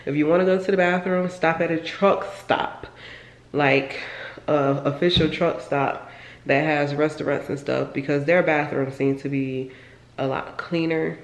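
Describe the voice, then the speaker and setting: A woman's voice: low voice, fairly even intonation, unhurried, roomy sound. A woman in her twenties from Florida, chatting casually and rambling through a home vlog in her kitchen, talking to a handheld camera. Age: 20s. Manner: rambling, chatty, repeats herself. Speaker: vlogger. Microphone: handheld camera, then camera set on counter.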